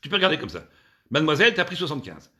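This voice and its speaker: A man doing a solo stand-up show at home, animated and exaggerated, piling up repeated words. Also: on the high side, very fast. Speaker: comedian.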